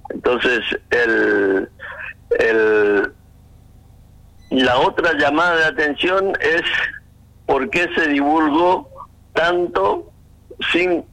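A man with a bright, forceful voice, answering questions on a phone interview. He explains carefully and methodically, with frequent restarts. The sound comes through a phone line. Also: fairly high pitch. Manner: measured, explanatory, hesitant restarts.

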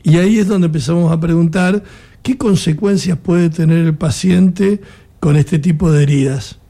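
A man with an Argentine Spanish accent, his voice gravelly, dark and husky. He questions his guest insistently but casually, like a radio host talking things through. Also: a little high, moderate pace. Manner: conversational, probing, self-deprecating. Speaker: radio interviewer. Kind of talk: radio interview.

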